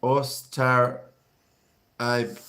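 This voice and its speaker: A man's voice: mid-range voice, fairly even intonation, extremely slow, fairly bright tone. A man from Galway with a west of Ireland accent hosting a live stream, chatting casually and reading out viewer comments in a rambling, conversational way.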